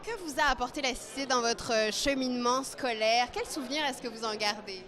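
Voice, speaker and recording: A woman asking brisk, polite questions as an event interviewer at a gala. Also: a little high. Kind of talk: red-carpet interview questions. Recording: busy crowd at a gala.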